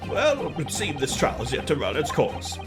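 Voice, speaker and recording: Streamer as a game judge, pompous, formal, declamatory, expressive pitch, music underneath. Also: moderate pace. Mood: solemn.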